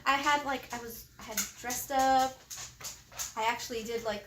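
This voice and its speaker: A woman player chatting at a tabletop game table, talkative and quick to laugh, with lots of fillers. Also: a little high. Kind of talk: casual table chat. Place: room at a home game table. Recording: roomy echo, steady background noise.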